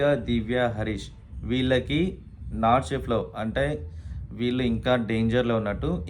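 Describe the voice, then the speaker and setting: A man talks through a reality show episode in a relaxed, chatty way. His pitch sits in the ordinary middle range for a man, and he often pauses on fillers and slips English words into his sentences. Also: slight background noise. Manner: conversational, with frequent fillers and English words mixed in. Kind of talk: casual spoken recap.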